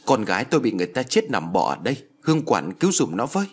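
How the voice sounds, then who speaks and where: A man's voice: medium pitch, sing-song, fast talker, breathy edge. A man voicing a desperate peasant father who pleads urgently. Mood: pleading.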